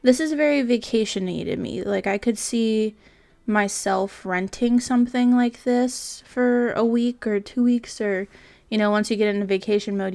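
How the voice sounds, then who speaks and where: A woman's voice: mid-range voice, a little mellow. A tired woman giving casual, rambling voice-over commentary on her building game, full of fillers and trailing asides. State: tired, yawning.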